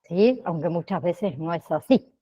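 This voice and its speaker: Slow-talking woman teaching an online class. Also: fairly low pitch, lively intonation, warm tone. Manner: slow, checks in with frequent "¿sí?" and "¿bien?".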